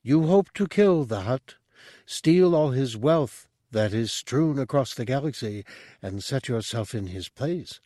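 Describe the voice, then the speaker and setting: Man doing a telepathic spider-bodied monk, raised voice, soft, measured, coaxing, persuasive, audiobook figure. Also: medium pitch, animated, dry recording, studio quality, voice pushed up, lightly acted.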